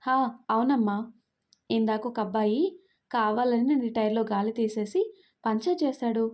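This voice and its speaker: A woman voicing a kind old village woman who speaks gently and motherly, in a storybook reading. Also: fairly high pitch, fairly even intonation, normal speed, close to an everyday voice.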